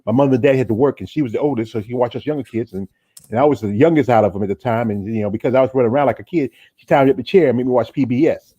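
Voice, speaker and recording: A man from North Carolina hosts a casual MMA talk show, rambling and restarting his sentences. His voice is dark and mellow, and the sound is dry and close. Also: mid-range voice, rapid-fire, husky, dry recording, dull audio. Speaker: podcast host.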